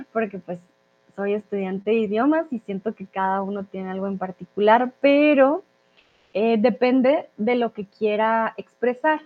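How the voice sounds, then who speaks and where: Over audio as thin and narrow as a phone line, a chatty Colombian woman runs a live language chat, answering viewer questions she reads out with frequent "eh" fillers. Her voice is a little high.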